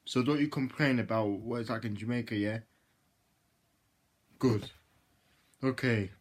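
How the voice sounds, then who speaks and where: A man hosting a casual reaction video, rambling with repeated filler phrases, swearing freely and breaking into sudden loud outbursts. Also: medium pitch, a little slow.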